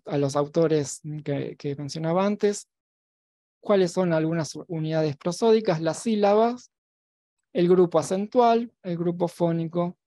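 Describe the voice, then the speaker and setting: A man giving an academic talk as a lecturer at a virtual symposium. He pauses and restarts often, with many fillers and tag questions. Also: on the high side, warm tone, no room sound. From Argentina. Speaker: university lecturer.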